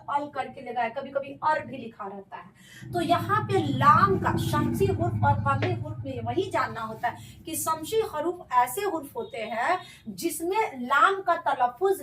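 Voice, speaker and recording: A woman's voice: high voice, a bit bright, reverberant, recorded from a distance, slight background noise, poor audio. A woman teaching a grammar lesson, patiently explaining and repeating terms and asking and answering her own questions. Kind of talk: classroom-style grammar lesson.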